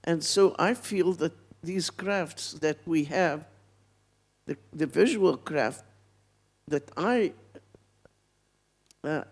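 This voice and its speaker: Her voice is lowish and darkish in tone. An artist from Palestine in her 80s, she addresses a panel in a blunt, reflective, unhurried way, with pauses.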